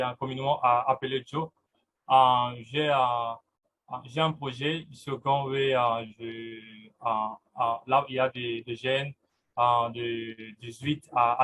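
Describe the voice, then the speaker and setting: A man's voice: mid-range voice, fairly bright tone. A man in his twenties speaking as a panelist, hesitant with many fillers. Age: 20s. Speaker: panelist, fitness project founder. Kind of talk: online panel talk.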